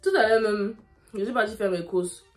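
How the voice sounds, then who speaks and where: A young woman, telling a dramatic story in a lively way while doing her makeup. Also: mid-range voice, moderate pace, soft background music. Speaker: beauty vlogger.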